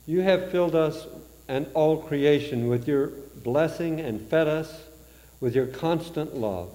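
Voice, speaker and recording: A man as priest, reciting the Eucharistic prayer in a slow, measured way, his voice carrying a cathedral echo in a large church. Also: fairly high pitch, warm tone. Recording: long reverb from a large church.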